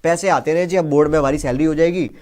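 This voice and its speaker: A man's voice: on the high side, fairly even intonation, fast talker, a little mellow. A man with an Indian accent hosting a casual cricket discussion, explaining the news in simple terms and reading English reports aloud. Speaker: cricket show host.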